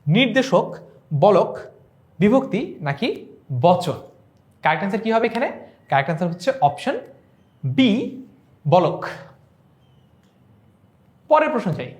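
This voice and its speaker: A woman's voice: mid-range voice, very animated, unhurried, long pauses, a little mellow. A woman with a Bangladeshi Bengali accent teaching an online exam revision class, explaining step by step and asking and answering her own questions.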